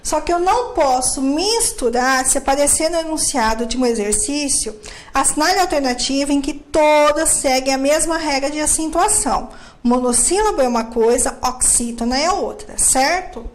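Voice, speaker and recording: A high-voiced woman gives a grammar lesson, explaining each rule step by step. She poses questions and answers them herself. The sound carries a noticeable room echo. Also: moderate pace, a little hiss or hum. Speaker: teacher.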